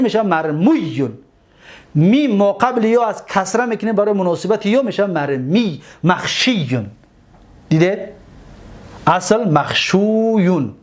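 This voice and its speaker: A teacher of Arabic morphology with a Tajik accent gives a classroom lecture, going step by step, repeating each word and questioning his students. His voice sits high with a darkish tone.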